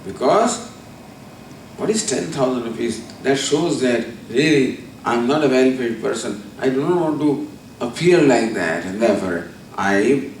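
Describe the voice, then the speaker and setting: A man, a spiritual teacher giving a deliberate scripture lecture with everyday examples. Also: medium pitch, expressive, a little hiss or hum. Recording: roomy, distant mic.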